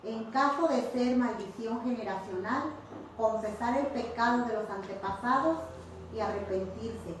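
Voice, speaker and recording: A woman slowly reading a list of steps aloud during a church class. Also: on the high side. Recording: distant, very echoey, faint hiss.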